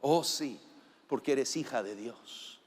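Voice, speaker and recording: A man preaching a sermon as pastor, speaking straight to the congregation, with playful teasing asides and swings from loud to hushed. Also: medium pitch, takes it slowly. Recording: long hall reverb.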